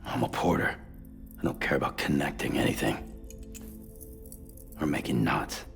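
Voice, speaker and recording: An actor playing a gruff, detached, reluctant male porter with a gravelly voice in a video game. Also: extremely low pitch, lively intonation, normal speed, soft background music, heavily acted. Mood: curt, reluctant.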